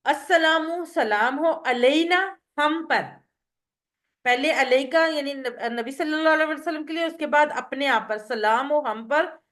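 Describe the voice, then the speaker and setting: A woman's voice: sits high, a little slow, fairly bright tone. A woman teaching a revision lesson in a patient manner, breaking each word into parts and translating it. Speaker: Quran teacher.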